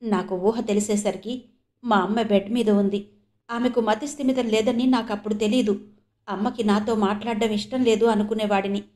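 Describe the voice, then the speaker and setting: A woman narrator voicing a grieving young man who slowly and sorrowfully recounts his past in an audio novel. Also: on the high side, a little mellow, close to an everyday voice.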